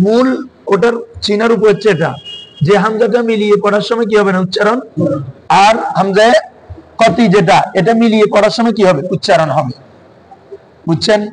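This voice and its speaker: A man's voice: high-pitched, brisk, pauses often, a little hiss or hum, poor audio. A male teacher, giving a classroom lesson and quizzing his students with repeated questions.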